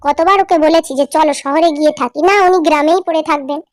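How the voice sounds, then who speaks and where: A spoiled young daughter-in-law in a cartoon drama, voiced by a woman, who talks in a very high, piercing voice. She rattles off complaints at a fast clip, haughty and sharp-tongued. The recording is dry and close. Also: steady tone, no room sound, close to an everyday voice. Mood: nagging. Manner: shrill, nagging and haughty. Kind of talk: cartoon voice acting.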